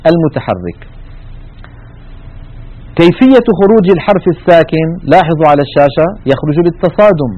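Brisk methodical male tajweed teacher. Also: fairly high pitch, dull audio. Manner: methodical, explains with spoken examples. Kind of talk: recorded lecture with slides.

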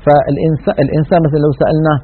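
A man teaches Quran recitation in a broadcast lesson, measured and explanatory as he demonstrates sounds. His voice is husky and sits a little high, and he talks quickly. The audio is tinny and narrow, like a phone line. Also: steady tone.

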